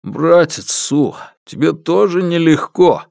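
A man doing a calm, guarded middle-aged man. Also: on the high side, takes it slowly, creaky, no echo, studio quality, voice pushed up, heavily acted. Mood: grave.

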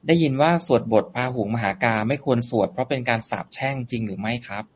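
A man briskly and politely reading out submitted questions to a monk. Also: mid-range voice, a little hiss or hum. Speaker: question reader. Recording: dull lo-fi sound.

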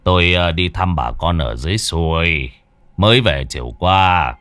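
Narrator as modest old healer, calm and low-key, lively pitch, dry. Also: male voice, moderate pace, no room sound. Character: older male village healer, calm and modest.

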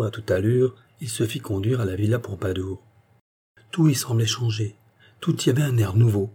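Audiobook narrator, male, measured delivery, husky timbre. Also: lowish voice, a little mellow. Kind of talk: scripted narration.

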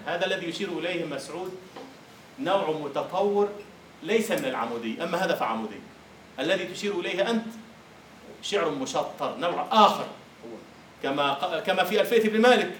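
A man lecturing on Arabic prosody in a classroom, teasing his students and slowly chanting verse syllables. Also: high voice, fairly bright tone. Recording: roomy lecture hall echo, faint hiss.

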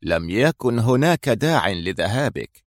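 A man voicing a calm, firm male intelligence director giving orders in a storybook reading. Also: fairly low pitch, moderate pace, vocal fry, husky, no echo, studio quality, exaggerated voice.

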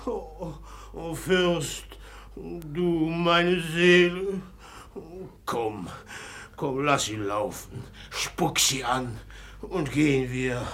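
An actor playing a drunk, impulsive rich man in a radio drama, boasting and shouting as he laughs. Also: a little high, extremely slow, full character voice. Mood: tearful pleading.

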